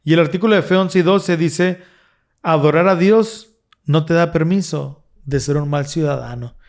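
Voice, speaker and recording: A man's voice: fairly high pitch, moderate pace, darkish tone. Earnest man co-hosting a faith podcast. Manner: earnest, explaining with frequent restarts. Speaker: podcast co-host. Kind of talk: casual religious discussion.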